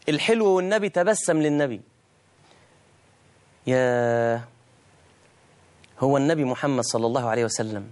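A middle-aged man with an Egyptian accent preaching a sermon, emphatic, slowing and rising when he quotes scripture and arguing both sides of a dialogue. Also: a little high. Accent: Egyptian Arabic.

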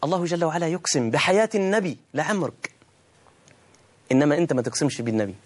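A middle-aged Egyptian-accented man delivers a sermon in a fairly high-pitched voice. He is emphatic and drawn out, lifting his tone for scripture and answering his own imagined questions. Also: lively intonation. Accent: Egyptian Arabic. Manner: emphatic, slows and rises for scripture, plays both sides of a dialogue. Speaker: preacher.

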